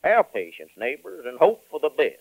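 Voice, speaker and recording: A man's voice: on the high side, wildly swooping pitch, normal speed, vocal fry, darkish tone, breathy edge, no echo, exaggerated voice, low-quality recording. Ferdinand, a man playing a folksy bullfrog. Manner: rural drawl, says ain't and reckon. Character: folksy old male bullfrog, homespun philosopher. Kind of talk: 1940s radio acting.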